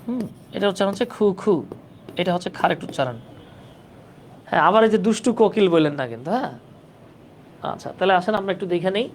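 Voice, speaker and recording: Teacher, live online class, keeps asking if u got it, mid pitch. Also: animated, fast, long pauses, slight background noise. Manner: patient, repetitive, keeps checking understanding. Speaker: English grammar teacher for job exam prep.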